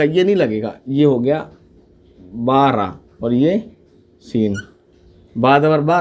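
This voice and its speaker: Patient man teaching Urdu letters. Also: on the high side. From India. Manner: patient, spells letters out slowly. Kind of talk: step-by-step script lesson.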